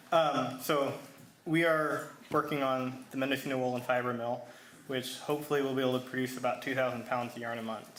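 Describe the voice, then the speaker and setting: A man giving an informal, halting project update in a modest manner. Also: medium pitch, fairly bright tone. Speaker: wool mill operator giving an update. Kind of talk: informal spoken presentation. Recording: echoey room, faint noise.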